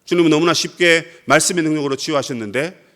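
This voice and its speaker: A man's voice: a little high, fast talker, fairly bright tone. A Korean man preaching a sermon as pastor, acting out scripture quotes dramatically.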